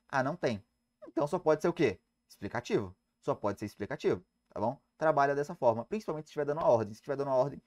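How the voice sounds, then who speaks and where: A man's voice: mid-range voice, a little mellow. A man with a Brazilian Portuguese accent teaching grammar in an online exam-prep lecture, emphatic and asking and answering his own questions.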